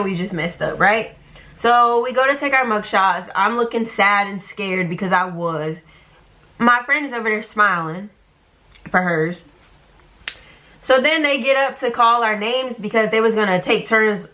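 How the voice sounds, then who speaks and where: A young woman telling a story casually, chatty and animated, full of fillers. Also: mid-range voice, a little slow. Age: young adult.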